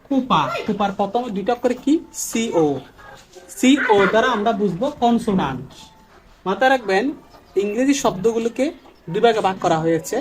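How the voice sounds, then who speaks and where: A male English teacher giving a short lesson at a board, lively, repeating key words and asking and answering his own questions. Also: high voice, a little hiss or hum. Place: classroom with a board.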